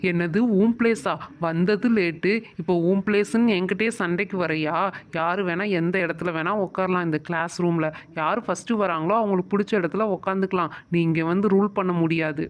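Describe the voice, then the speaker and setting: A woman's voice: lowish voice, fairly even intonation, a little fast, natural voice. A woman putting on a defiant cocky schoolboy. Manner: defiant, mocking. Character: cocky schoolboy who turns frightened.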